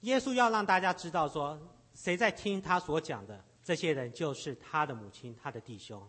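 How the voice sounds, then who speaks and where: A husky, fairly high-voiced man interprets a sermon phrase by phrase. He halts and repeats words as he works out each line, keeping pace with the preacher. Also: lively intonation, brisk, a bit bright. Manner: hesitant, repeats words while searching for phrasing.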